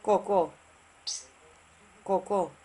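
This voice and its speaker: A woman's voice: mid-range voice, steady tone, dark tone, husky. A woman talking casually to her pet parrot, coaxing and affectionate, repeating short phrases over and over. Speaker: parrot owner.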